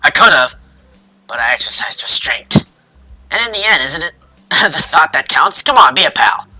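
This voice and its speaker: A man's voice: big pitch swings, normal speed, soft background music, full character voice. A man doing a paranoid mooching schoolmate. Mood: wheedling. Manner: put-on silly accent, loud and high. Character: paranoid excitable young man, scheming, mooching.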